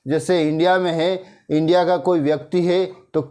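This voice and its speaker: A man with a Hindi accent teaching English grammar, explaining slowly and checking in with the class after each point. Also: high-pitched, flat delivery, dark tone. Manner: slow explaining, drawn-out example sentences, frequent "theek hai na" checks. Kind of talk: classroom-style grammar lesson.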